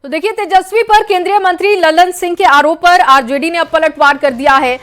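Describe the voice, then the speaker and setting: A woman anchoring a live TV news bulletin, brisk and emphatic, introducing reports and questioning a correspondent. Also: extremely high pitch, a bit bright.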